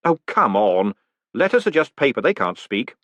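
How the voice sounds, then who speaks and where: A man voicing a panicked young male con man who talks in frantic, high-strung bursts. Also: big pitch swings, moderate pace, a bit bright, no echo. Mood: scoffing.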